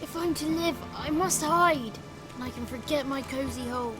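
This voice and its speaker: A small, cheeky blue goblin. His voice sits high and keeps darting about as he frets through his tale. Loud game music plays behind him. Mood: fretful. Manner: folksy rustic storytelling, quick and fretful.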